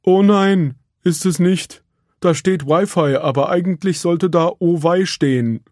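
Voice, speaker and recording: A man voicing a stern, humorless male surge protector that lectures everyone in a loud, bossy voice. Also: sits high, a little slow, dry recording, clean studio sound, voice pushed up. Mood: joking flatly.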